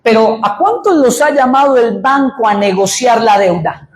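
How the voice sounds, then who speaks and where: A man's voice: very high-pitched, expressive, normal speed. A man with a Colombian accent, a pastor preaching a sermon who keeps asking his congregation questions and answering them himself. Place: church sanctuary. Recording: echoey church room.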